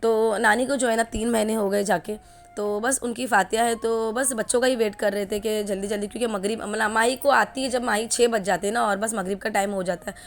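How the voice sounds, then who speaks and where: A woman's voice: a little high, fairly even intonation, brisk, gravelly. Chatty woman vlogging from her home kitchen. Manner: chatty, rambling, many fillers. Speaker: family vlogger. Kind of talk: casual vlog narration.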